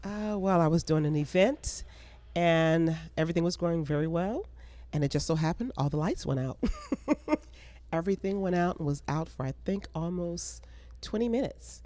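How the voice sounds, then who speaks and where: An American woman who produces a pageant, answering interview questions in an earnest, measured way. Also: lowish voice, animated, warm tone, no echo. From United States. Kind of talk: casual interview.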